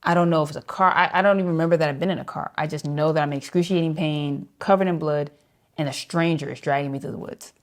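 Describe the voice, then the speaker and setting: A woman's voice: low voice, steady tone, quick pace. A woman saxophonist being interviewed, telling a story vividly and acting out the voices of people she quotes. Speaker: jazz saxophonist guest.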